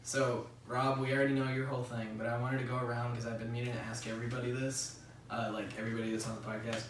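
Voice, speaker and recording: A young man hosting a casual podcast chat, an excitable storyteller who swears freely and laughs mid-sentence. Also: mid-range voice, fast. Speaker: podcast host. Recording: roomy echo, far from mic, faint noise.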